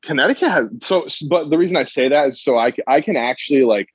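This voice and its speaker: Over a muffled, lo-fi old flip phone line, a man in his twenties from Massachusetts chats casually as a band guest in an interview. His voice is a little high, expressive and slightly rough, quick-paced with no echo, and he often stumbles and restarts his words.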